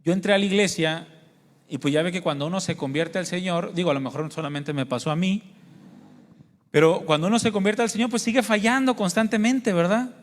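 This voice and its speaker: Speaking fairly quickly in a high voice with a big-room sound, a man delivers an earnest, personal sermon in a church hall. He tells his own testimony, poses questions to the congregation, and calls them brothers and sisters.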